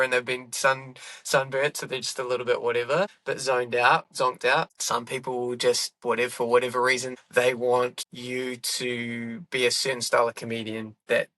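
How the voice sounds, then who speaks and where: A man's voice: mid-range voice, monotone, moderate pace, hardly any pauses, bright, forceful tone, no room sound. A middle-aged man, a comedian chatting in a podcast interview, rambling and correcting himself as he goes. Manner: rambling, self-correcting, laughs often. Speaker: guest comedian.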